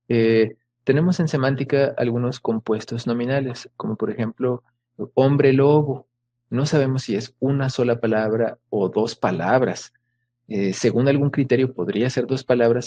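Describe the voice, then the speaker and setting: Speaking at medium pitch with a warm tone, a man delivers an academic lecture through a video call microphone. His explanations are patient, filled with fillers and rhetorical questions.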